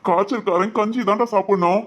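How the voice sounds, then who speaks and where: A man plays a jovial middle-aged father in a comedy cartoon, proud of his cooking and jokingly stern with his son. His voice sits somewhat high for a man. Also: steady tone, brisk, a bit bright, slight background noise.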